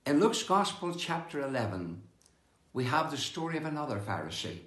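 An older man preaching a devotional sermon indoors, with slow, emphatic delivery that rises and falls. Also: a little high, big pitch swings, fairly bright tone, roomy sound. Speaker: pastor. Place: indoor room with bookshelves, seated with open Bible.

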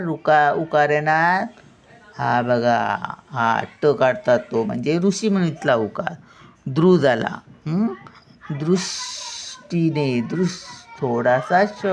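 An older woman teaches spelling to children at a very unhurried pace. Her voice carries a gravelly rasp, and she patiently breaks each word into its syllables. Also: low voice, a little hiss or hum. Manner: patient, sounds out words syllable by syllable. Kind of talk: slow spelling lesson for children.

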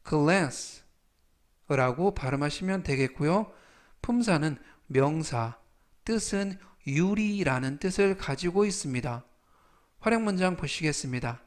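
A man teaching English vocabulary, explaining each word patiently and repeating it three times. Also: fairly high pitch. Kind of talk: slow explanatory lesson.

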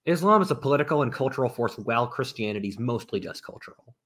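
A man reads a scripted essay in an even, measured way, stating views with confidence. His voice sits in an ordinary middle range. It plays as a clip inside someone else's video. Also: medium pitch. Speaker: narrator of the reacted video.

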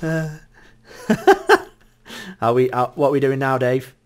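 A man talks over a multiplayer game with his friends. His voice jumps up and down in pitch as he teases the others and breaks into giggles. It is a relaxed, chatty gaming session. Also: takes it slowly. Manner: giggly, teasing, laughs often. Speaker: gameplay commentator. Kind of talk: casual multiplayer game chat.

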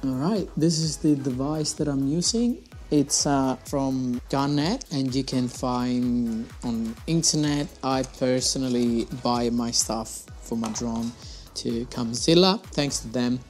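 A man's voice: mid-range voice, slow, a little mellow, faint music behind. A young man hosting his fishing channel, talking casually through his gear at a desk in a small room on a lapel mic, with slightly phrasing. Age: young adult. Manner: casual, chatty, slightly non-native phrasing. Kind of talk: gear review vlog.

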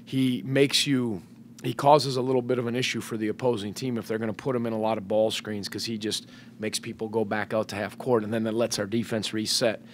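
Seated at a table mic before a sponsor backdrop in the press room, this middle-aged man, a head basketball coach, answers post-game questions thoughtfully, full of fillers and restarts. He talks fairly quickly in a lowish, steady voice. Slight background noise can be heard.

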